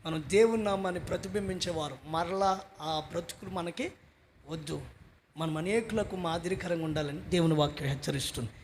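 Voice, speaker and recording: A male pastor preaching a sermon with a Telugu accent, often raising his voice to a shout and then dropping back down. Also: fairly high pitch, a little fast, a little hiss or hum. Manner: preaches loudly, swinging into shouted lines. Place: church stage.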